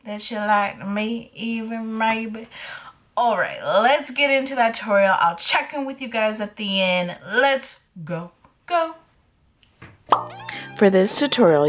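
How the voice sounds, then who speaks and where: A young woman vlogger chatting to camera in a gushing, giggly way, then narrating a sewing tutorial. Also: lowish voice. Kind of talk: casual chat to camera.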